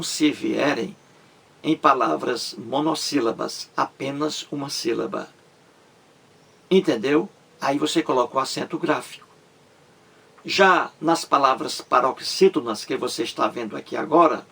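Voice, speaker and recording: Male grammar teacher, slow, patient and repetitive, slightly husky. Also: medium pitch, a bit bright. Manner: slow and repetitive, stresses syllables, asks "entendeu?". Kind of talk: explanatory lesson.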